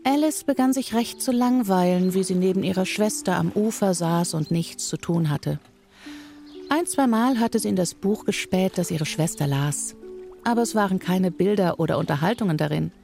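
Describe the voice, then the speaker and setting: A woman giving an expressive, lively storybook reading. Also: lowish voice, moderate pace, gravelly, soft background music. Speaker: reader.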